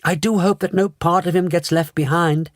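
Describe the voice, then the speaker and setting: Eccentric sweets genius, brisk and exclamatory, read by a man, raised voice. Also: high-pitched, fairly even intonation, no echo, studio quality, pitched above the performer's own voice, lightly acted. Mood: excited. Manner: brisk, theatrical, quick exclamations. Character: eccentric excitable male chocolate maker.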